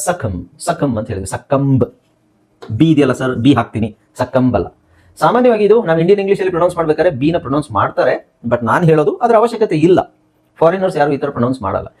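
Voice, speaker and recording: A man teaches a spoken English class, sitting a little above the usual male pitch. His voice rises and falls a lot as he spells words letter by letter and repeats them. He keeps asking his students questions and answering them himself. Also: darkish tone. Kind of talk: spoken English lesson in Kannada.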